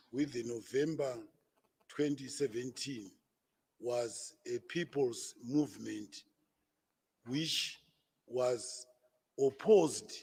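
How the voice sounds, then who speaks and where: A man, a party spokesman, answering reporters at a press conference in a deliberate, lecturing way with stammered restarts. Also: mid-range voice, slightly rough, big-room sound. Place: conference room.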